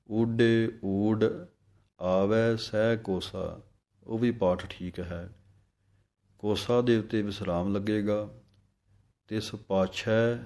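A man teaching correct pronunciation of scripture, chanting verses slowly and then explaining each word more quickly. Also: lowish voice, warm tone. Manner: alternates slow chanted recitation with quicker spoken explanation. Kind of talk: recitation lesson.

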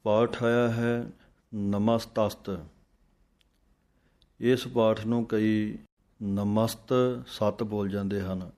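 A man teaching scripture recitation, chanting verses slowly, then quickly explaining the correct pronunciation. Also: fairly low pitch, dark tone. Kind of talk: slow recitation with pronunciation guidance.

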